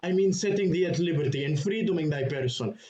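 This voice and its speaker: A man's voice: fairly high pitch, fast talker, mellow, roomy sound, dull audio, close to an everyday voice. A man playing a pompous, wordy master in a Shakespearean stage comedy, speaking with grandiloquent airs. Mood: grand, magnanimous.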